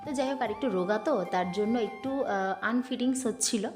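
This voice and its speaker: A woman's voice: a little high, fast. A woman, chatting casually to her viewers in a daily vlog and often calling on them to look. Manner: chatty, keeps addressing viewers directly. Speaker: vlogger. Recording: background music under voice.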